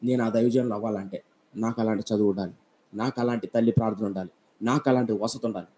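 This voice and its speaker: A poor teenage boy pours out a tearful prayer to God, lower and softer than the voice around him, as a male preacher puts him on. The delivery is hurried, with a dark, mellow tone. It is a grieving lament told inside a sermon. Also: fairly even intonation, slight background noise, lightly acted. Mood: tearful pleading.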